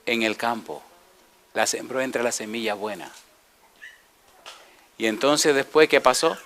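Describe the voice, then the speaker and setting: A male pastor preaching a sermon, asking the congregation questions and answering them himself, and reading scripture slowly. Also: mid-range voice, a bit bright, a little hiss or hum. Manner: reads scripture slowly and deliberately.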